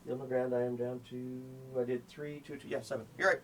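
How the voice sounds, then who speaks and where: A man's voice: medium pitch, level tone, fast. A man playing a tabletop wargame who answers in short, matter-of-fact replies. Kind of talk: casual banter over a tabletop game.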